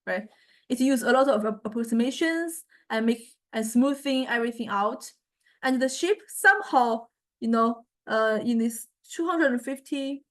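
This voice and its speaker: A music technology lecturer, a woman with a fairly high voice, walks through a software demonstration. Her delivery is informal and she thinks aloud, frequently pausing and correcting herself as she explains each step.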